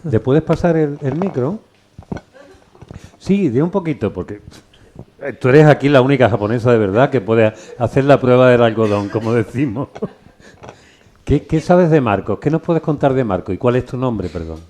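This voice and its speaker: A middle-aged or older man with an accent from Spain hosts a live talk. His voice is dark and relaxed at an average pitch. He speaks informally, wandering through anecdotes and repeating phrases. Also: normal speed, a little hiss or hum. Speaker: book presentation host. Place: live book presentation with microphone.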